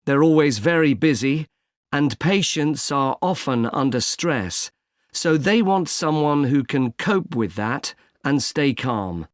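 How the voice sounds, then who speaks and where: A patient recruitment agent. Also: male voice, mid-range voice, dry recording, clean studio sound. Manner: measured, spells words out slowly. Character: helpful male recruitment agent, patient and polite. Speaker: employment agency consultant. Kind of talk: scripted exam dialogue.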